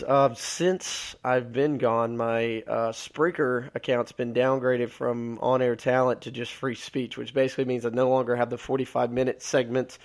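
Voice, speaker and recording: A man's voice: medium pitch, vocal fry. A man from Alabama, hosting a solo live podcast, losing his voice and rambling with many filler words. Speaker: podcast host.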